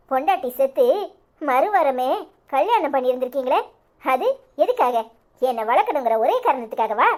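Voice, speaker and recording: A woman voicing a bitter, stubborn young married daughter in a cartoon serial, speaking with a Tirunelveli Tamil accent and firing accusing questions. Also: high voice. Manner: accusing, insistent, rapid-fire questions.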